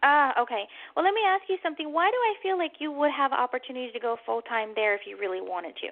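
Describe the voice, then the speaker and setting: Female psychic medium host, high pitch, comforting delivery, slightly dull lo-fi call sound. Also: lively intonation, quick pace. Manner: soothing, reassuring, with endearments like "hon". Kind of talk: psychic reading for a caller.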